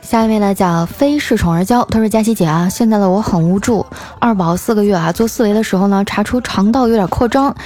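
Talking fast with hardly any pauses, a woman with a mid-range, slightly mellow voice hosts a radio-style podcast. She reads out messages from listeners and replies in a playful, teasing way, laughing often, while faint music plays in the background.

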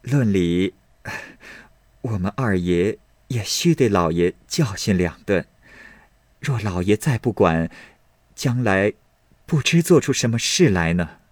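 A man voicing a gentle, careful young female maid in a storybook reading, speaking softly and deferentially. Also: on the low side, lively intonation, takes it slowly, no echo.

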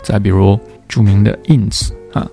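Man, pronunciation teacher, dark mellow voice, gravelly, patient step-by-step explanation. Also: fairly low pitch, fairly even intonation, soft background music. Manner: patient, explains step by step and demonstrates English words slowly. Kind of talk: explanatory lesson.

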